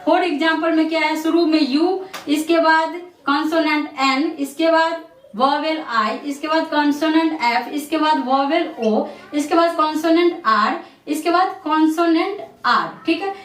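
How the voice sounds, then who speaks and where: A woman, teaching English pronunciation in a classroom style. She keeps asking questions and answering them herself, with a steady stream of "theek hai". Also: sits high, a little slow. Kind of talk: classroom-style lesson explanation. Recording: echoey room, voice from a distance.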